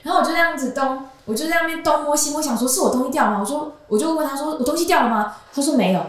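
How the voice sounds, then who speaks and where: A woman's voice: sits high, very fast. A young woman, chatting casually as a guest and telling a long, rambling story between frequent giggles. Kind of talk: casual chat. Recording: roomy echoing room.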